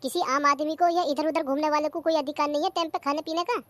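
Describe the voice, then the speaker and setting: Whiny idle cartoon husband. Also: male voice, very high voice, fairly even intonation, fast, a bit bright, no room sound. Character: idle grumbling young husband. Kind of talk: cartoon comedy dialogue.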